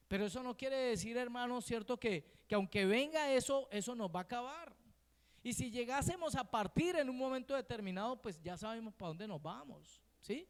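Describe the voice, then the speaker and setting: A man's voice: high voice, darkish tone, in a large hall. A man preaching a sermon as pastor, often checking in with the congregation with short questions. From Colombia. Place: church hall.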